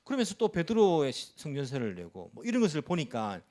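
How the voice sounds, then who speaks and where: A man's voice: huge pitch swings, a little fast, a little mellow. A male pastor delivering a church sermon, pressing his point with repeated rhetorical questions. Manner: pitch rises and drops sharply for emphasis. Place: church service.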